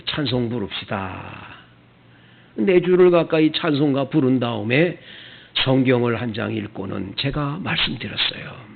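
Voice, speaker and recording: A middle-aged male pastor preaching a Sunday sermon in a church, telling stories and acting out what people said, swinging between loud outbursts and hushed asides. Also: medium pitch, measured pace, creaky, phone-quality sound. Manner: animated, acts out quoted voices, swings from loud to hushed. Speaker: senior pastor. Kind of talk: sermon with storytelling. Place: church sanctuary.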